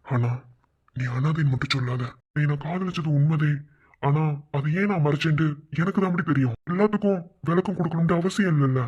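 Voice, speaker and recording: A man's voice: a little high, fairly quick, a little mellow, breathy edge. A man voicing a young village husband in a cartoon, firm and pleading, with a Madurai Tamil accent. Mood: earnest. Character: young village husband, gruff but caring. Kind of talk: cartoon voice acting. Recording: dull lo-fi sound.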